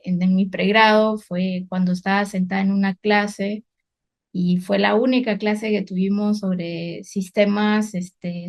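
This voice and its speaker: Reflective woman researcher recounting her path. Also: medium pitch. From Guatemala. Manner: reflective, many fillers and restarts. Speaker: environmental researcher. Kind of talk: personal career story, unscripted.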